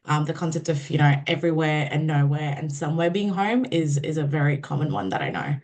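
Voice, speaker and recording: A woman raised in the Middle East chats about herself over a video call. Her voice is low-pitched, and her manner is upbeat and easygoing. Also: fairly quick, a little mellow. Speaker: panellist, lawyer. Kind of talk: casual self-introduction. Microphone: online video call.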